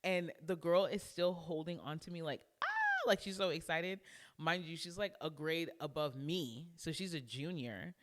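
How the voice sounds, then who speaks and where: A young adult woman co-hosting a podcast, telling a story in a casual, animated way and acting out what people said. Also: low-pitched, moderate pace, background noise. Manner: animated storyteller who acts out quotes. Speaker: podcast co-host. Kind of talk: casual chat.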